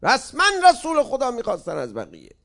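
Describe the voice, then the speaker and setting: A man's voice: very high voice, wildly swooping pitch, vocal fry, a bit bright. A male preacher giving an emphatic sermon, speaking directly to his congregation and moving into a mourning recitation.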